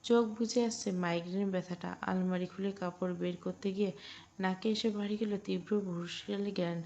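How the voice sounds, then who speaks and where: A woman tells a romantic audio story in a calm, even voice with a gravelly edge. The recording sounds dull and lo-fi. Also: medium pitch, moderate pace. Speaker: narrator.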